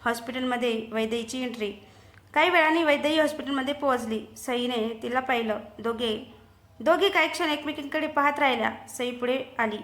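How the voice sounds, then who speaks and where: A woman storyteller reading a dramatic serial story aloud in a steady, expressive way. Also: high voice, fairly quick. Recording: roomy echo.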